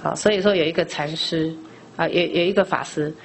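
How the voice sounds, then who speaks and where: Middle-aged woman lay teacher, slightly low voice, conversational Dharma lecture full of rhetorical questions; faint background noise. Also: brisk. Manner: explains by asking rhetorical questions and answering them; frequent discourse particles, conversational teaching.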